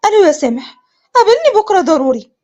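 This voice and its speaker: امرأة تؤدي صوت فتاة شابة عنيدة ترفض عريسها، بلهجة مصرية وصوت أعلى. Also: female voice, sits high, expressive, fast, darkish tone, lo-fi sound. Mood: pleading. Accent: Egyptian. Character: young woman, stubborn bride refusing her cousin.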